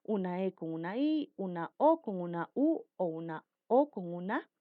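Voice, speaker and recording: Lively, animated woman teaching. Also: on the low side, no echo, narrow, tinny audio. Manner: slow, emphatic explaining with repeated examples. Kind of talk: Spanish grammar lesson.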